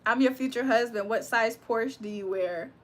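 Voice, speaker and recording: A young woman from Virginia, hosting a livestream, reads comments aloud during casual live chat and often laughs in reaction. She speaks at normal speed with a fairly high pitch.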